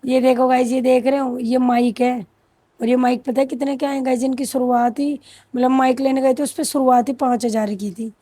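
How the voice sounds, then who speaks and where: A woman's voice: high-pitched, level tone, moderate pace, dark tone. A young woman, chatting and joking with viewers in a vlog. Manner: teasing, joking running commentary. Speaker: vlogger. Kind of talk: casual vlog chat with viewers.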